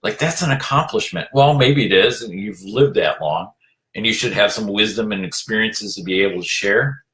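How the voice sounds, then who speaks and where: A man with a somewhat low voice delivers a motivational talk as a leadership coach. He speaks earnestly and urges the listener on. He circles back over his own phrases and pads his pauses with "you know". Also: a bit bright. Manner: earnest, urging, repeats phrases, many "you know" fillers.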